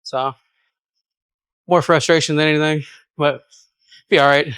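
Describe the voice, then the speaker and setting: A man vlogging his gym workout, explaining each exercise in a relaxed way and out of breath between sets. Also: fairly high pitch, a little slow, clean tone, dry recording. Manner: relaxed, explaining exercises while doing them. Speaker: fitness vlogger. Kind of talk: casual workout vlog.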